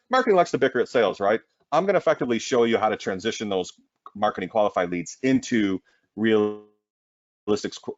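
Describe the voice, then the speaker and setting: A man presenting a marketing webinar in an energetic sales pitch, often tossing in "right?". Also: no echo, highs cut off.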